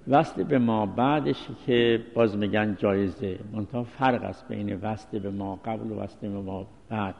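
Low-ish guy teaching a seminary class, slow careful phrases, dull lo-fi recording. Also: vocal fry, a little mellow. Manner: measured, explanatory, short phrases with pauses. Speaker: teacher of Islamic law. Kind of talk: seminary lecture. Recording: dull lo-fi recording with long reverb.

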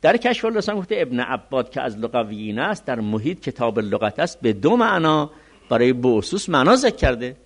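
Male seminary teacher, mid-pitched, animated intonation, alternates slow reading with quick commentary. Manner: reads Arabic text slowly, then explains it quickly. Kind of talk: religious law lecture.

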